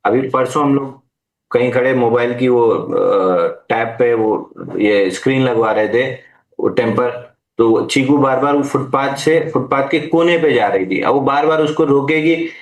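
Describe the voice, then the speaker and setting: A man's voice: medium pitch, unhurried, roomy sound. A man, a stock market analyst, patiently answering viewer questions in a live market Q&A, mixing in English trading terms. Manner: patient, advisory, uses Hindi mixed with English terms.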